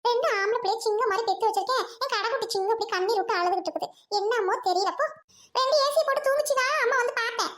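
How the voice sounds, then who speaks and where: A woman's voice: very high voice, very fast, fairly bright tone. A woman voicing a scolding but doting middle-aged mother in an amateur audio drama, fussing over her son. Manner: fussy, scolding yet tender.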